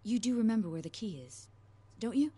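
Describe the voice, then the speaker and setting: A woman voicing a game character who is gently chiding and prompting a girl. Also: a little high, expressive, moderate pace, slightly rough.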